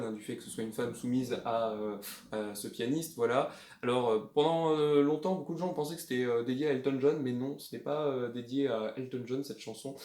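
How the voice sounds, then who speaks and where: A man's voice: mid-range voice, a little mellow. A man casually showing off his flea-market record finds, rambling with many hesitations and plain enthusiasm. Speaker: record collector vlogger. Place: indoors at home. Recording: echoey room.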